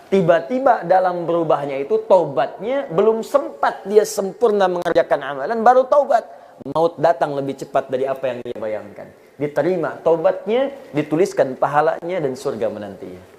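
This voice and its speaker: A man's voice: on the high side, very animated, normal speed, darkish tone. A man from Indonesia giving an Islamic sermon, telling stories and acting out the dialogue with rising emphasis. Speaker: Islamic preacher.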